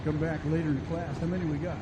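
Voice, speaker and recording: A man's voice: on the high side, level tone, fast talker. A man giving casual tractor pull commentary in a folksy, informal way, thinking aloud as an announcer. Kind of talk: casual live event commentary. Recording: noisy outdoor event with vehicle sounds.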